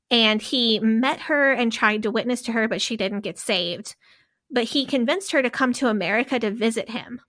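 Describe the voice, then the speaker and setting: On a podcast, a woman co-host with a high-leaning, fairly bright voice spins a loose, casual story. She fills it with frequent fillers and restarts.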